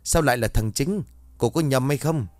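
A man doing a gruff, scolding old clan elder. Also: lowish voice, expressive, brisk, no room sound, natural voice. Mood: alarmed. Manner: scolding, grumbling.

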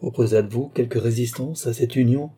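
A mysterious count with calm, ironic composure, as if he controls events, read by a male narrator. The delivery is smooth and measured in a very dark, husky timbre. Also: mid-range voice.

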